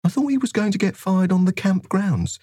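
A man voicing a big, slow-witted schoolboy who talks in a dim, literal-minded way. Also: sits high, dark tone, no echo, clean studio sound, pitched above the performer's own voice. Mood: earnest.

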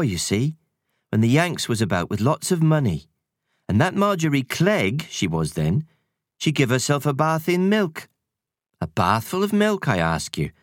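A man's voice: a little high, dry recording, studio quality, voice pushed up. A man voicing a mischievous invisible male sprite who gossips in a rustic country dialect.

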